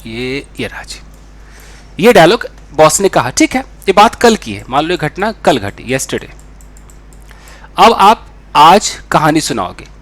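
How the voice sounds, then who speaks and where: Young guy teaching english, kinda high voice, bounces all over the place. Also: takes it slowly, pauses often. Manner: animated, acts out quoted dialogue. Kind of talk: spoken English lesson.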